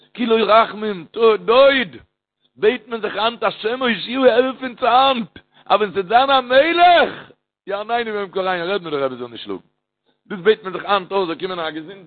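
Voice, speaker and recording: A man delivers a storytelling sermon in a gravelly, fairly high voice. He swings between loud calls and near-murmurs and slips into a chanted singsong for prayer phrases. The sound is narrow and tinny, like a phone line. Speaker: preacher.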